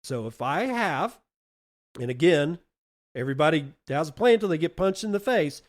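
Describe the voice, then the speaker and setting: A man's voice: a little high, expressive, moderate pace. A man hosting a podcast, talking through a topic in an emphatic, folksy monologue full of rhetorical questions and playful comparisons, often repeating words as he thinks. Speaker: podcast host. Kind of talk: enthusiastic explanatory monologue.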